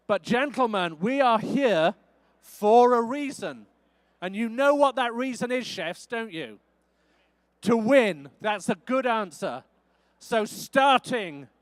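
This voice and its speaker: A man's voice: high voice, dry recording. A man hosting a live cooking contest at an expo, joking and rousing the crowd. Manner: jokey, energetic crowd-rousing. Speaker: event host. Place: event hall.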